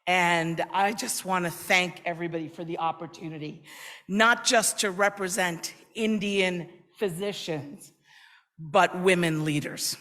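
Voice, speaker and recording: A woman's voice: lowish voice, unhurried, a bit bright. Middle-aged woman in an echoing hall. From New York, USA. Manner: friendly, conversational, reflective. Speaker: invited speaker. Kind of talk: personal speech at a conference. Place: conference hall.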